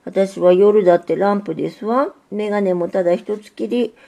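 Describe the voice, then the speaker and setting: A woman's voice: medium pitch, normal speed, creaky, mellow, muffled recording, close to an everyday voice. A woman voicing a shy, modest young female railway signal in a storybook reading, speaking politely and demurely. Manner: demure, polite, self-deprecating.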